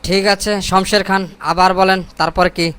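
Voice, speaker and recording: In a comic cartoon, a man plays a sly, pompous corrupt boss full of schemes and self-importance, using colloquial Bangladeshi speech. His smooth, fairly bright voice sits high with little pitch movement, and at a moderate pace he poses mock-formal questions.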